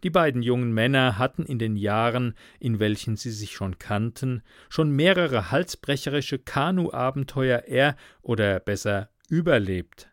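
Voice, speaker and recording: A man reading a story aloud as narrator, measured and expressive. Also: medium pitch, dry recording, studio quality. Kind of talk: audiobook narration.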